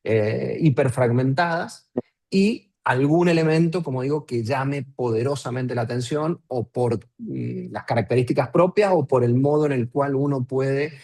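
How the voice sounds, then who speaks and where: Male consultant, husky mid-range voice, explanatory, talking over a video call. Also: mid-range voice, unhurried, darkish tone. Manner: explanatory, repeats words while thinking. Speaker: political consultant panelist. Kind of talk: webinar panel analysis.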